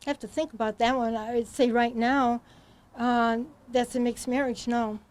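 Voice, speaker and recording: A woman answering questions as a talk show guest, halting and hesitant with many pauses and ums. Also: on the high side, fairly even intonation, darkish tone. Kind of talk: studio interview answers.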